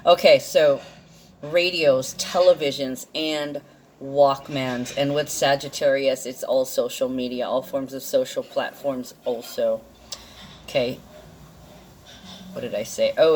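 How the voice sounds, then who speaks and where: A woman's voice: extremely low pitch, a little mellow, slight background noise. A woman giving a casual, rambling card and astrology reading, thinking aloud and correcting herself, her articulation slightly off from a dental problem. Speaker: tarot and astrology card reader.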